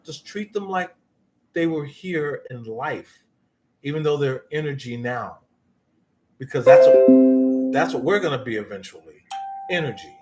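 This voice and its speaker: A man's voice: medium pitch, animated, unhurried, long pauses, over loud music, low-quality recording. A man hosting a livestream, chatting casually in a folksy, joking way to viewers and spirits. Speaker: livestream host.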